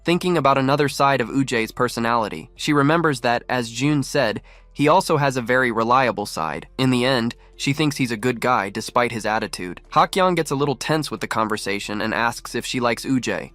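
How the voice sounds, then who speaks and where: A man tells a comic story in the even, scripted way of a recap narrator. His voice sits at an ordinary middle pitch. The recording is dry and close, with no room sound around it. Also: brisk, dry recording, soft background music.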